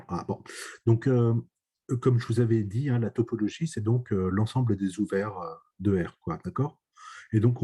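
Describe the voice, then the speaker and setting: Male math teacher, low dark husky voice, halting lecture delivery with constant "d'accord?" checks. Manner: hesitant, many fillers and checks for understanding. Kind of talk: online lecture.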